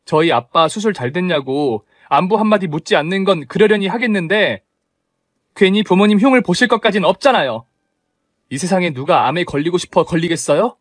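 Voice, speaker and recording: A man voices a young wife arguing back at her mother-in-law, sounding indignant and pleading. He pitches it fairly high, above his own voice but close to an everyday one, speaking expressively at normal speed. The sound is clean studio audio with no echo.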